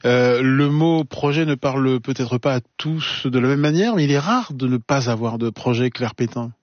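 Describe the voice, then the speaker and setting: A man hosting a studio discussion, asking questions in a measured way and murmuring agreement while guests speak. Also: mid-range voice, no echo. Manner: measured, frequent murmured backchannels. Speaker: radio host. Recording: slightly dull, muffled sound.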